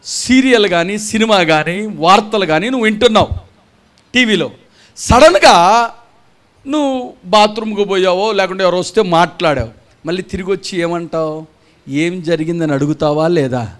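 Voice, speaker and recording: A man's voice: high-pitched, moderate pace, pauses often, a bit bright. A man preaching a gospel sermon, scolding the congregation with rhetorical questions and mocking imitations of churchgoers. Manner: acts out churchgoers' voices mockingly. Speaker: pastor. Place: church gathering.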